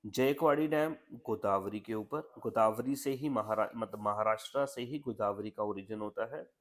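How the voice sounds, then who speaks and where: A man's voice: fairly low pitch, normal speed. Chatty male exam coach. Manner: chatty, repeats "ठीक है" often. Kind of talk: Hindi-English mnemonic lesson.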